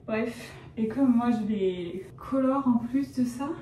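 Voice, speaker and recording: A woman's voice: on the high side, slow, warm tone, a little hiss or hum. Rambling young woman, roomy far-off sound. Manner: rambling, self-correcting, lots of fillers like genre and euh; shy and reserved by her own account. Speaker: vlogger. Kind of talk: casual chatty vlog while dyeing her hair. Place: at home, indoors. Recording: roomy, from off the mic, faint background ambience.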